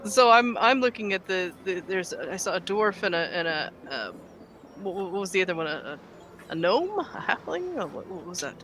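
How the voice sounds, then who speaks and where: A woman's voice: on the low side, sing-song, brisk, a bit bright, slight background noise. A woman chatting casually as a player in a tabletop game. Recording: music behind.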